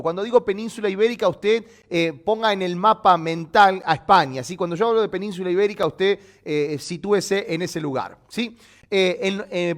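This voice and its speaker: A man with a high voice teaches a live online Bible lesson. He explains patiently and stops often to check that his listeners follow.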